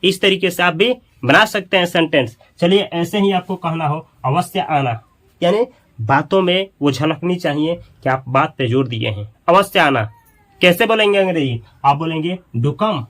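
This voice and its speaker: Man teaching English, slow drilling repeats. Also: fairly high pitch, a bit bright. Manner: repeats example sentences slowly for drilling; explains patiently and asks questions to the learner. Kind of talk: spoken English lesson.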